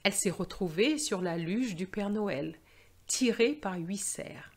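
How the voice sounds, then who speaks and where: A woman with a husky, medium-pitched voice narrates a scripted story for language learners. Her delivery is deliberate, carefully phrased and expressive.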